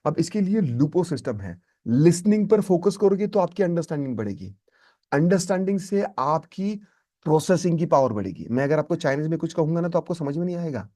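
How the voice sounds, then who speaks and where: A man's voice: fairly high pitch, animated, brisk, warm tone. A man teaching a spoken English lesson, emphatic and repeating his key points.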